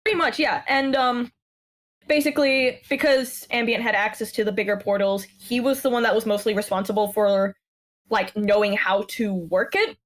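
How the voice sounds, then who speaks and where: A woman's voice: fairly high pitch, moderate pace. Rambly woman retelling a game session. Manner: animated storyteller, rambling with fillers and laughs. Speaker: player. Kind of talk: casual podcast chat recapping a tabletop game.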